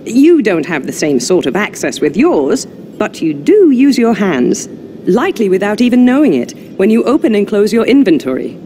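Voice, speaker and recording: An actress playing a bossy, sharp-tongued female superior in a video game, with a commanding, brisk manner. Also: mid-range voice, very animated, slight background noise, natural voice. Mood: brisk, instructive. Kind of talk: video game character acting.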